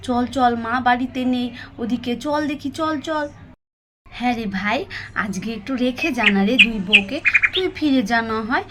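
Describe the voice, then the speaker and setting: A woman's voice: on the high side, normal speed, background noise. A woman voicing every character in a village doll cartoon, switching between pleading and soothing family voices. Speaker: storyteller voicing all dolls.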